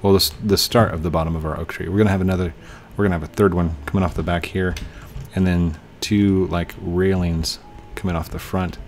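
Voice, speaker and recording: This deep-voiced man in his thirties goes fairly quick with fairly even intonation and a little mellowness, a touch weary as he narrates a building game for his channel. Chatting to the objects and humming, he records on a headset indoors at home amid slight background noise.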